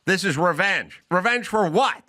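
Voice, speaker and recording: A man's voice: high-pitched, lively intonation, normal speed, sharp tone. A middle-aged man hosting a podcast, delivering an opinionated comedic rant and acting out both sides of imagined exchanges. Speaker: podcast host.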